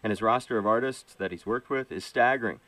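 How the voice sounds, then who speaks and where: A man's voice: fairly low pitch, fast talker, a bit bright, no room sound, distant mic, poor audio. A man hosting a radio show who introduces and questions a guest with upbeat DJ patter. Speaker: radio DJ host. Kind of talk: radio interview.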